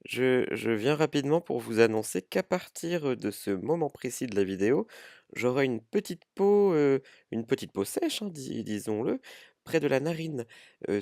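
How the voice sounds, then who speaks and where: A man's voice: medium pitch, lively intonation, normal speed, gravelly, darkish tone, no echo. Mock-serious man in a dry voice-over. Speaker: vlogger. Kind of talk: voice-over added during editing.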